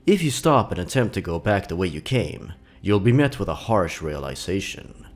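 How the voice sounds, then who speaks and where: Deep-voiced and full of big pitch swings, this man hosts horror story narration in a dramatic, deliberate, scripted style.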